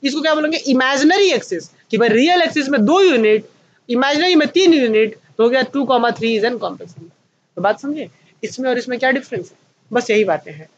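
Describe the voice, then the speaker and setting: A man with an Indian accent teaching a maths class, asking questions and answering them himself and slowing down to dictate notes. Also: very high voice, dull audio, a little hiss or hum. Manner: slows right down to dictate notes. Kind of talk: online maths lecture at a whiteboard.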